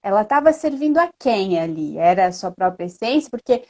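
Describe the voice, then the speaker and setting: A woman guest in a casual live chat, earnest and lively, often tagging her sentences with a questioning "né?". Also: mid-range voice, brisk. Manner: earnest, lively storytelling with frequent "né?".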